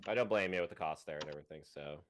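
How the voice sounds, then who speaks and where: A man with a general American accent chats easygoingly on a game stream. His voice is very deep, and he laughs often and fills pauses with ums. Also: background noise. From United States. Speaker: guest on stream. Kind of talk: casual chat on a game stream.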